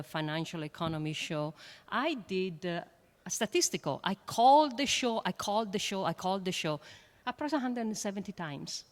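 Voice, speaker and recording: Earnest woman, low voice. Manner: earnest, halting, with many fillers and repeats. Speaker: scientist on a panel. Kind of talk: panel discussion remarks.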